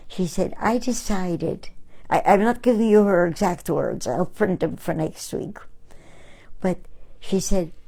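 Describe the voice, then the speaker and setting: An older woman from Austria, hosting a casual talk and telling reflective stories in a slow, halting, gentle way. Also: fairly low pitch. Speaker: host, painter.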